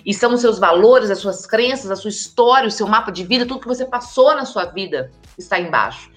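Expressive woman giving a lecture. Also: medium pitch, a little fast, faint music behind. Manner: lively, emphatic, speaks straight to the audience. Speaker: communication and body language trainer. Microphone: camera with slides, hands in frame.

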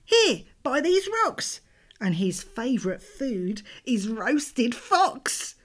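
A woman's voice: a little high, very animated, slow pace, voice pushed up, exaggerated voice. A woman voicing a small, clever, polite male mouse hero in a children's storybook. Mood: cheerful, sly. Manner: plucky, bright, polite.

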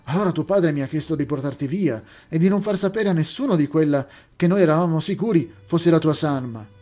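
A man voicing an earnest, dutiful young man in a story, with a slightly raised pitch. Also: brisk, a little mellow, soft background music, natural voice. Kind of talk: storybook voice acting.

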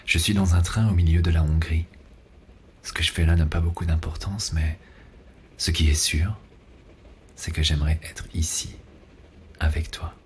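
A man playing a seductive, ardent lover in an ASMR role-play, murmuring slowly and breathily, right in the listener's ear. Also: rumbling low, fairly even intonation, darkish tone, a little hiss or hum. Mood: tender, longing. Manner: slow, intimate, breathy murmur close to the ear. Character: seductive male lover on a night train, intimate and ardent. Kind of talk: ASMR role-play, erotic audio narration.

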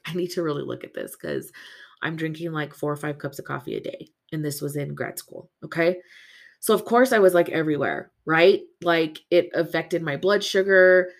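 Low-pitched woman, 30s, chatty coach host, sleep-deprived and yawny, warm encouraging asides. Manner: chatty, frequent "right?" and "um", animated bursts. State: tired, yawning from little sleep. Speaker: podcast host and faith-based coach. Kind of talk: casual motivational podcast talk.

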